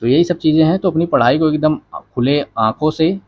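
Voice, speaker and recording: A man's voice: on the high side, fairly quick, highs cut off. A male exam coaching teacher giving a casual spoken lecture, advising students directly in a conversational way.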